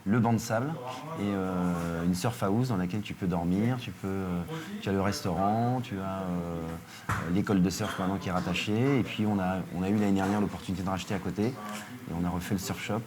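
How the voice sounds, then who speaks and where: A man's voice: low voice, steady tone, fairly quick, a crowd in the background. A middle-aged man from France who runs a surf school, talking in a casual interview, hesitant with many fillers and restarts.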